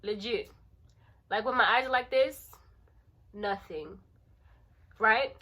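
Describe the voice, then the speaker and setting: A woman's voice: fairly high pitch, takes it slowly, sharp tone. A young woman vlogger chatting casually and playfully to her viewers, calling them guys and y'all. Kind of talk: casual chat to camera.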